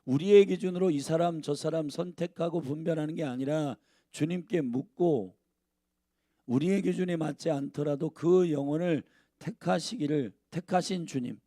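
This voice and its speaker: A man's voice: on the high side, moderate pace, warm tone, dry recording, studio quality. A male pastor preaching a sermon, speaking emphatically and addressing the congregation directly.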